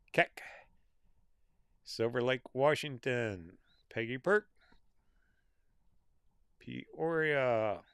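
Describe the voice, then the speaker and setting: Slow, smooth-voiced man hosting a live Q&A. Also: medium pitch, a bit bright, no room sound, studio quality. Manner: reads out viewer names and comments with small laughs. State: losing his voice. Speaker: livestream host reading viewer comments. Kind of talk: casual live Q&A chat.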